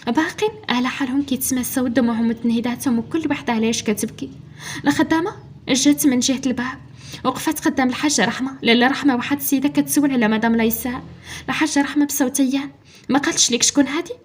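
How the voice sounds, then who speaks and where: A Moroccan woman reads a dramatic story aloud at great speed. Her voice sits high and carries a husky edge. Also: racing.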